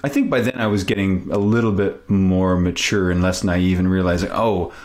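A Canadian man in his forties, a native French speaker, talks casually and reflectively as a podcast guest in an interview. His voice is low and darkish, with a steady tone and a moderate pace.

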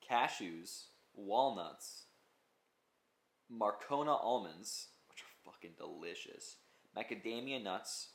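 Young male podcast co-host, low voice, loose rambling delivery, echoey room. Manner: rambling, swears freely, lists things off. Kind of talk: casual chat. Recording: roomy echo.

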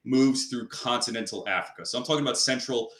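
Mid-range and a bit bright, this man talks at a quick pace while hosting an interview. He goes on in long, rambling stretches heavy with "you know," recorded in a roomy space.

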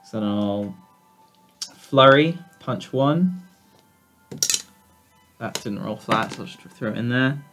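Male gamer, relaxed conversational delivery at a middle pitch, calling his rolls, with background music. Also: slow, pauses often. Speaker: player in a tabletop game. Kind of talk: casual game talk. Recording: music behind the voice.

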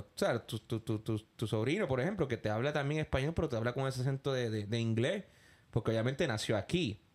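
Man, Puerto Rican accent, podcast host, casual rambling chat, repeats words, middle pitch. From Puerto Rico. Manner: rambling, repeats words, many fillers and English "like".

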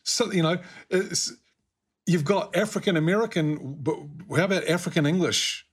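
A man's voice: high-pitched, moderate pace, slightly rough. Man telling anecdotes in casual chat. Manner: conversational, anecdotal. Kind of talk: casual conversation on faith.

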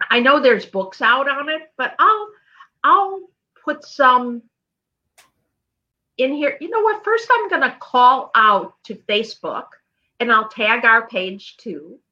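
Unhurried woman grief coach, gentle and careful, slightly high voice. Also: muffled recording. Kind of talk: casual conversation.

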